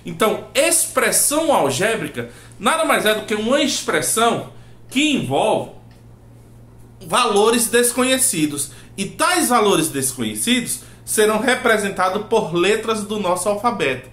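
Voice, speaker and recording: A man's voice: high voice, sing-song, a little slow, fairly bright tone. A man teaching a math lesson, asking rhetorical questions and acting out his students' replies. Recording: roomy echo.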